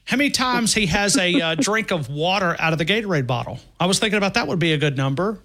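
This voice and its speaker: A man's voice: sits high, lively intonation, quick pace, pushed and bright. A man hosting a call-in sports talk radio show, joking and rambling with callers. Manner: jokey, rambling.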